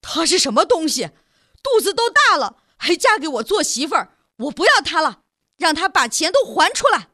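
A woman voicing a dim-witted, hot-tempered, strong young village man who stammers and shouts bluntly in a storybook reading. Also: very high-pitched, very animated, fairly quick, few pauses, pitched above the performer's own voice, exaggerated voice. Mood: angry. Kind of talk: storybook narration.

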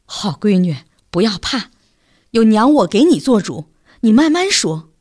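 An elderly village mother, protective and sharp-tongued, as a woman puts her on. She scolds and soothes in a lively, rising and falling voice, recorded dry and close for a storybook reading. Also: mid-range voice, unhurried, no room sound. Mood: soothing. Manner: scolding yet coaxing. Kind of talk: storybook narration.

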